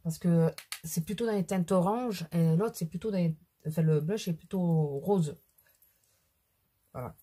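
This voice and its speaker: Middle-aged woman vlogger with a cold, slightly low, mellow tone; casual, self-deprecating beauty chat. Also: measured pace, pauses often, a little hiss or hum. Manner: chatty, rambling, self-deprecating asides. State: has a cold. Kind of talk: casual makeup vlog chat. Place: at home at her mirror.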